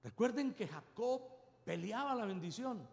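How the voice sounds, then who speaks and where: Animated preacher with a high, swooping voice. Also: male voice, a little slow, vocal fry. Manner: animated, keeps asking the congregation "yes or no?". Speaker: pastor. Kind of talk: sermon. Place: church. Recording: long church reverb.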